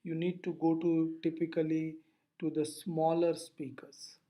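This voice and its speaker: Over a set of slides, a lecturer explains physics deliberately and didactically, raising questions and then answering them. The voice is medium-pitched, level, and mellow.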